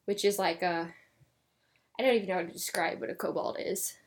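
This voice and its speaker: A woman's voice: lowish voice, steady tone, fairly quick. A woman casually retelling a tabletop game session for a podcast, rambling with lots of fillers and self-corrections.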